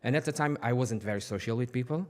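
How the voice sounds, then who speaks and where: Telling his life story as a podcast guest, a Portuguese man in his forties speaks earnestly but haltingly, restarting often. His voice is medium-pitched with a darkish tone.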